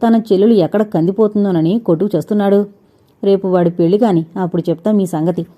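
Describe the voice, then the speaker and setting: Peevish husband, read by a woman: young man, grumbling, indignant, mellow low tone. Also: moderate pace, natural voice. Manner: whiny, indignant.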